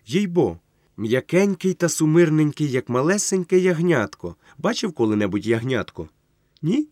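An effusive, tipsy fellow, as a male narrator puts him on, raised in pitch and swinging up and down as he coaxes and calls out. His voice is dry and close, with no room around it. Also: no echo. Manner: gushing, coaxing, calls out loudly. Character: exuberant tipsy man, effusive and coaxing. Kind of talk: audiobook character voice.

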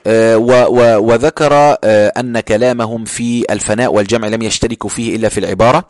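Very fast-talking Egyptian sheikh. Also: male voice, on the low side, level tone, a little mellow, no room sound. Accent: Egyptian Arabic. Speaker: sheikh teaching a classical text. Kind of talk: lecture reading a text and explaining it.

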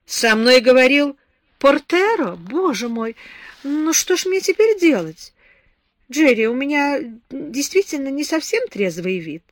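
A woman voicing a frightened, tearful eighteen-year-old girl who pleads timidly in a high voice. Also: sing-song, a little slow, no echo, studio quality. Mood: pleading. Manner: pleading, timid, on the verge of tears.

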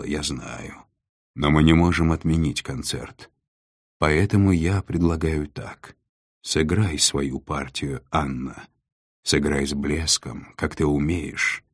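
A man reading a calm lord of darkness. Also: a bass voice, slightly rough, no echo, studio quality, heavily acted. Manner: weighty, unhurried, measured.

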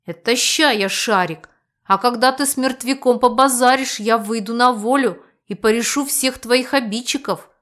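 A woman's voice: a little high, animated, a little slow, a bit bright. A woman voicing a cocky, thuggish male spirit guide who talks in street slang, in an audiobook. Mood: swaggering.

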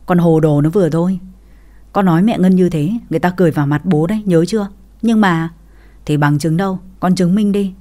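A woman's voice: fairly low pitch, a little fast, mellow, close to an everyday voice. A woman voicing an angry, stern older father-in-law in a read-aloud story.

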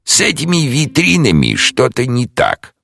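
A man voicing a calm, thoughtful detective who speaks politely and in a measured way. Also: medium pitch, vocal fry, dry recording, voice pushed up, exaggerated voice.

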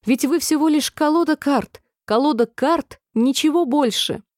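A bold, spirited young girl from a storybook who speaks up fearlessly, played by a woman. Her voice is raised and bright with exclamations. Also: sits high, unhurried, no room sound, clean studio sound, pitched above the performer's own voice.

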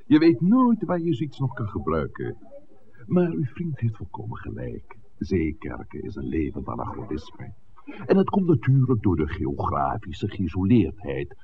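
An actor in a 1960s Dutch radio drama plays an erudite, wry, genial village priest, his very low voice swinging hugely up and down in a full character voice. He lectures in measured, articulate phrases, and the old recording is muffled with a little hiss or hum.

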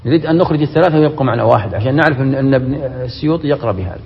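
A man, a sheikh giving a Quran commentary lesson, quick and emphatic, often breaking off and restarting words. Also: medium pitch, slight background noise. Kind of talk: classroom lecture with questions to students. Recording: dull, echoey lecture-hall recording.

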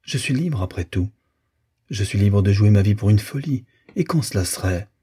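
A man reading an audiobook, voicing a gentle, earnest older man who promises protection. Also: fairly low pitch, lively intonation, moderate pace, breathy edge. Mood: resolute.

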